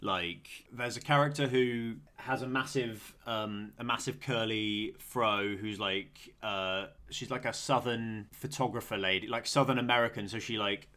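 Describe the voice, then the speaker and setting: A man's voice: fairly low pitch, fairly even intonation, measured pace, few pauses, bright, forceful tone. A man co-hosting a podcast, chatty and rambling, breaking into laughter often. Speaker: podcast co-host. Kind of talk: casual podcast chat.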